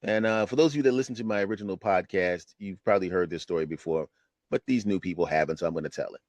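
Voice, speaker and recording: A man in his fifties, a retired comedian, telling a personal story on his podcast in an animated, conversational way. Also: deep voice, quick pace, no room sound. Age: 50s. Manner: animated, conversational, keeps asking "right?". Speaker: podcast host.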